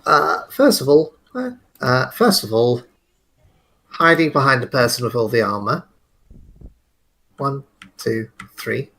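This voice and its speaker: A man's voice: medium pitch, expressive, takes it slowly, pauses often, sharp tone. A man playing a tabletop game, hesitant with many fillers and playful swearing. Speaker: player. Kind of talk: casual tabletop game play.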